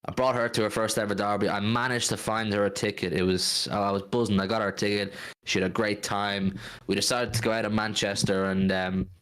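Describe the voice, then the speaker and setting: A man's voice: fairly low pitch, level tone, a little fast, fairly bright tone, clear, resonant tone, low-quality recording. British man hosting a casual live stream. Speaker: host of a football fan live stream.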